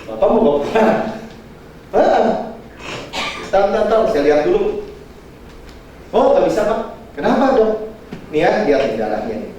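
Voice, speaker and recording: High lively preacher guy telling a story, big echoey church, faint hum behind. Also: a little fast, pauses often. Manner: lively, animated retelling with acted-out dialogue. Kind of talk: storytelling sermon. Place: church hall. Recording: echoey hall, mic far off.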